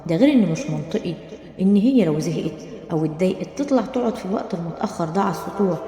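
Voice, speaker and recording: A woman's voice: on the low side, animated, rapid-fire, mellow. A woman with an Egyptian accent telling a dramatic first-person story with tense, emotional narration. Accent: Egyptian Arabic. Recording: roomy, long reverb.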